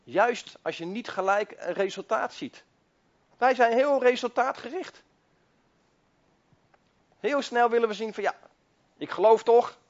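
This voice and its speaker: A man preaches with a high voice, driving his points home through fervent repetition and swelling emphasis. The recording is dull and lo-fi, like an old sermon tape. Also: unhurried, pauses often.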